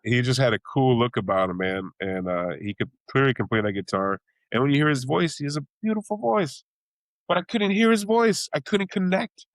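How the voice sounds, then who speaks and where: Speaking fairly quickly, this bandleader and blues singer from Chicago rambles through a relaxed interview, restarting often and breaking into sudden high-pitched exclamations as he acts out how people reacted. The audio is poor, though there's no echo.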